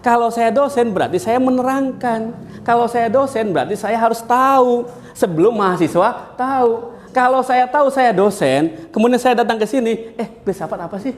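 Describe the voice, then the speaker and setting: A man from Indonesia, a university lecturer, giving a classroom lecture in an animated storytelling manner, asking his students questions. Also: very high voice, normal speed. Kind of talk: classroom lecture with jokes and anecdotes.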